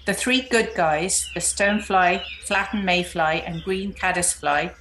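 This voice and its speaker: A woman's voice: on the low side, a little slow, fairly bright tone, a little hiss or hum, low-quality recording. A woman presenting and interviewing as a podcast host. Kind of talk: scripted introduction and conversational interviewing.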